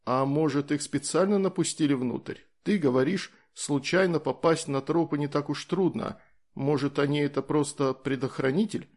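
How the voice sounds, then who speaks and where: A man's voice: on the high side, normal speed, a little mellow. A man voicing a curious, worried young boy in an audiobook, asking questions in a slightly raised voice.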